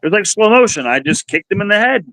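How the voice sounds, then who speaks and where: A man's voice: high voice, animated, fast, a bit bright, no room sound, poor audio. A man, a pro wrestler, chatting casually on a podcast, stammering and repeating words as he talks. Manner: stammering, repeats words while searching for them.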